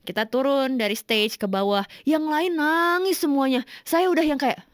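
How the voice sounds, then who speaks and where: A young woman telling a personal story on radio in a casual, animated way, often laughing. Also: high-pitched, normal speed, no room sound, clean studio sound. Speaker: guest. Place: radio studio.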